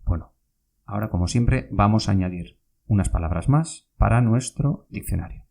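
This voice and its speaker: A man teaching Basque vocabulary in a podcast lesson, speaking slowly and patiently and repeating each word. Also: lowish voice, expressive, gravelly, darkish tone.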